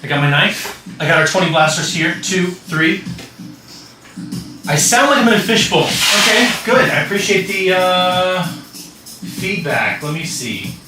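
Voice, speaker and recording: Chatty stream host, man, fishbowl-hollow mic, distant and very echoey, music playing loudly behind, fairly high voice. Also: expressive, measured pace. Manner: upbeat and chatty, talking to viewers in chat. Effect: hollow, boomy mic sound, as if inside a fishbowl. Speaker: livestream host opening trading card boxes. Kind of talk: casual livestream chat. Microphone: distant setup mic on a streaming rig.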